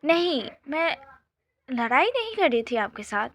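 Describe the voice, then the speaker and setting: A woman voicing an earnest young woman, gentle but stubborn, defending someone with quick insistent pleading in a storybook reading. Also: sits high, sing-song, heavily acted.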